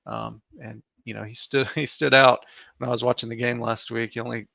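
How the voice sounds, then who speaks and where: Gravelly-voiced man talking sports picks. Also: medium pitch, flat delivery, brisk, sharp tone, no room sound, dull audio. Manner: hesitant, many fillers. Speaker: DFS analyst co-host. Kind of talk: casual podcast chat.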